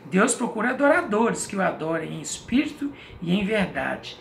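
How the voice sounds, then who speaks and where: A man's voice: high voice, big pitch swings, normal speed, gravelly, fairly bright tone. A man teaching a Bible sermon, reading scripture aloud and asking questions that he answers himself. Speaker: preacher. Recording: echoey room with faint noise.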